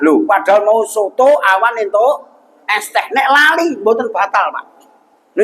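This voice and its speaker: Young male preacher, Javanese accent, high voice, jokey call-and-response sermon in a mosque. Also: a bit bright, rough recording. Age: young adult. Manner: jokey, asks the congregation questions and answers them. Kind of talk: humorous village sermon.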